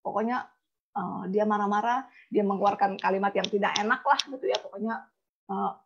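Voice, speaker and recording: A woman's voice: mid-range voice, steady tone, fairly quick, gravelly, lo-fi sound, slight background noise. A woman insurance agent telling a personal story in a talk, emotional and acting out the dialogue. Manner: emotional, acts out quoted dialogue.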